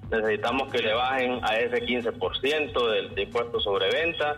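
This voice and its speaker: A man's voice: medium pitch, moderate pace, fairly bright tone, soft background music, poor audio. A man with a Honduran accent calling a radio show and venting bluntly in earthy, exasperated words. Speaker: caller.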